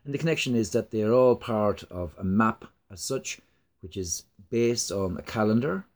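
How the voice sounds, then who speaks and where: A man with an Irish Midlands accent, a lilting storyteller and tour guide explaining things in an interview with unhurried pauses. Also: fairly low pitch, a little mellow. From Ireland.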